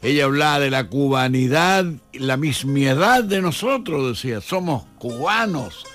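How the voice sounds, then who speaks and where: A man's voice: mid-range voice, animated, a little slow, a bit bright, faint music behind. A Chilean man, a historian, answering in a radio interview, thoughtful and often restarting his words. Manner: hesitant, repeats words, reflective. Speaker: historian guest.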